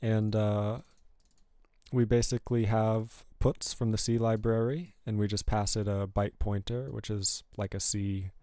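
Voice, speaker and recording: Recorded with clean studio sound and no echo, this man talks a little slowly in a voice on the low side. He hosts a live coding stream, rambling in a relaxed, casual way and often correcting himself as he works through the code.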